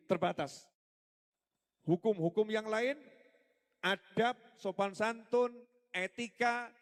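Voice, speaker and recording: A man preaching a religious lecture, emphatic, posing rhetorical questions and repeating key phrases for stress. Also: fairly high pitch. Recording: echoey hall reverb.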